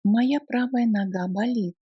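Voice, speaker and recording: A woman leading a language lesson, reading short phrases slowly and repeating them piece by piece for learners. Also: on the high side, breathy edge, highs cut off. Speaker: language teacher. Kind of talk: slow phrase drills for learners.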